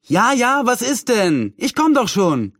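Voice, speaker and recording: A man voicing a busy, motherly middle-aged aunt in a storybook reading, brisk and a little scolding. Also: fairly high pitch, sing-song, no room sound, clean studio sound. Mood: flustered.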